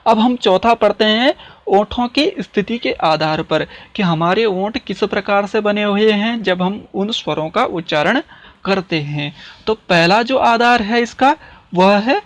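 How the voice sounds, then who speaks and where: A man's voice: high voice, unhurried. Man teaching, quizzing himself aloud. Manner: repeats terms, asks and answers his own questions; checks in with "ठीक है" often. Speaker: Hindi grammar teacher. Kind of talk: classroom-style explanation lesson.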